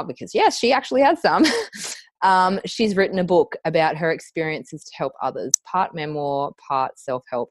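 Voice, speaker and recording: A woman's voice: low voice, no echo. An Australian woman in her thirties hosting a podcast, chatty and upbeat, introducing her guest with a few fillers and self-corrections. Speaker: podcast host.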